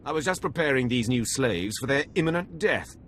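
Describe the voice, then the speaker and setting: A man lightly acts a cruel, contemptuous Sith academy overseer of slaves in a video game cutscene, sneering, scornful and sardonic. His mid-range, slightly bright voice has lively intonation and a slightly fast pace, with a little hiss or hum.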